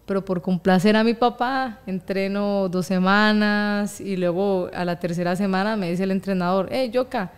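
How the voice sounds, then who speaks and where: A young woman with a Costa Rican accent, telling her story as an interview guest, lively and laughing often. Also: medium pitch, normal speed, hardly any pauses, clear, resonant tone. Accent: Costa Rican Spanish. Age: young adult. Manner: animated, laughs often, acts out quoted voices. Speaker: guest, boxing champion.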